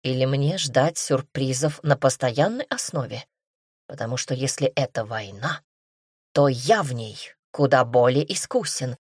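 A woman reading the lines of a composed, teasing man who mentors his pupil, with a calm, wry, gently mocking manner. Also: very deep voice, unhurried, husky, no room sound, studio quality, pitched below the performer's own voice, exaggerated voice.

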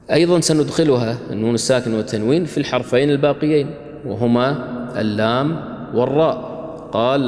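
A man teaching a religious lesson. He explains patiently, quizzes his listeners, and chants lines of verse slowly. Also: medium pitch, darkish tone. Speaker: Quran recitation teacher. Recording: echoey hall.

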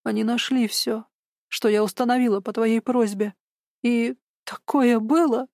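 A woman's voice: fairly high pitch, steady tone, measured pace, darkish tone, no echo, clean studio sound. A woman voicing a tearful, frightened woman who mumbles and hesitates.

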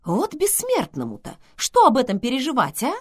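A woman doing a blustering male god from a storybook, all loud indignant bellowing and grumbling. He is bossy and quick to refuse, and his voice jumps about in pitch. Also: wildly swooping pitch, breathy edge, exaggerated voice. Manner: roaring, indignant outbursts.

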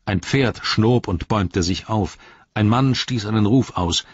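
Deep, very husky male narrator. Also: unhurried, no room sound, highs cut off. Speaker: audiobook narrator. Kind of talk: scripted audiobook narration.

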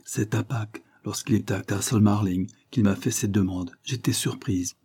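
A man voicing a shy, flustered young noblewoman in a read-aloud novel, pitching his husky voice up for her replies. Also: normal speed, mellow. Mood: shy, earnest.

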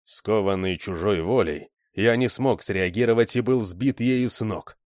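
A man reading a story aloud as narrator, steady and even. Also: lowish voice, a little slow, no room sound, clean studio sound. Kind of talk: scripted audiobook narration.

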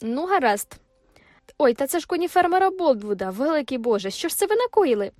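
A woman's voice: high voice, very animated, brisk, darkish tone, no room sound, studio quality, voice pushed up. A woman reading an audiobook, voicing a proud young woman farm owner with cool, haughty retorts.

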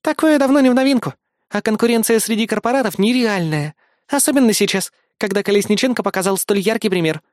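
A man's voice: high voice, fast, no echo, clean studio sound, pitched above the performer's own voice, natural voice. A man voicing a worldly, cynical young woman in an audiobook. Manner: cynical, matter-of-fact.

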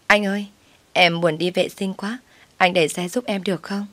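A woman's voice: medium pitch, fairly even intonation, normal speed, fairly bright tone, dry recording, close to an everyday voice. A woman voicing a scheming young woman who talks in a sugary, pleading way in a told story. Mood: coaxing, wheedling.

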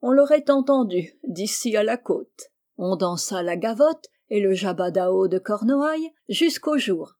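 A woman reading a fairy tale aloud as storyteller, in a measured, expressive way. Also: medium pitch.

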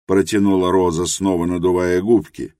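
Deep-voiced man narrating an audiobook. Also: little pitch movement, normal speed, mellow, dry recording, studio quality.

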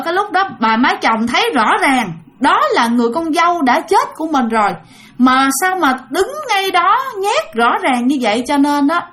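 A woman with a Southern Vietnamese accent narrates a ghost story in a casual, chatty manner, often turning to address her listeners. Her voice is very high-pitched. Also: a bit bright.

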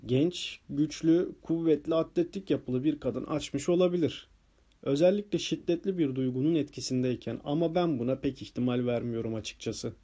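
A man voicing a small, excitable male doctor who earnestly explains what he has found, in an audiobook reading. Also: fairly high pitch, normal speed, natural voice. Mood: explaining.

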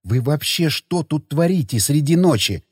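A man's voice: on the high side, expressive, normal speed, darkish tone, slightly rough, no room sound, studio quality. A man voicing an angry scolding woman, a nurse, in an audiobook, hissing and lecturing.

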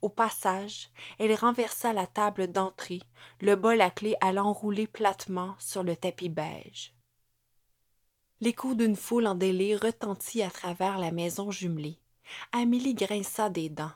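A woman narrating an audiobook in a measured way, sometimes sinking to a whisper. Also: mid-range voice, no room sound, clean studio sound.

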